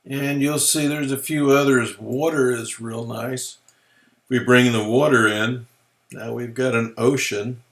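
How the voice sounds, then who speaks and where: Male tutorial presenter, mid pitch, relaxed folksy walkthrough of software features. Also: measured pace. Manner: relaxed, folksy explaining with fillers. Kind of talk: screen-recorded software walkthrough.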